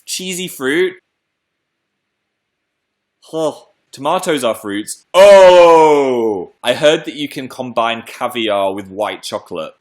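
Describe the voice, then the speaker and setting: A man's voice: mid-range voice, normal speed, a bit bright. Playful British man rambling on a livestream. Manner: playful, rambling, silly asides. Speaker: YouTuber hosting a livestream. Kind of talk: casual live-stream chat. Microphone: laptop microphone.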